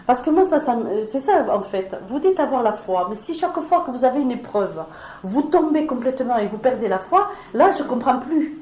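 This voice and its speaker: A woman's voice: high voice, animated, darkish tone. Woman with a foreign accent, echoey room. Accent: foreign accent in French. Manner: earnest, conversational, pauses with fillers. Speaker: speaker leading a spiritual discussion. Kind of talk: spiritual talk to a small audience. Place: meeting room before an audience. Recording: echoey room with faint noise.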